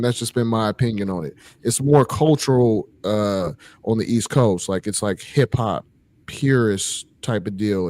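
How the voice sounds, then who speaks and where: Low-voiced man sharing opinions casually. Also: a little mellow. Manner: thoughtful, hedging opinions with fillers. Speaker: co-host. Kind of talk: casual podcast chat.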